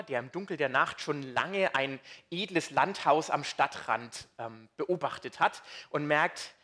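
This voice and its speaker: A man preaching a sermon in a lively, conversational way, asking his congregation questions. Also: fairly high pitch.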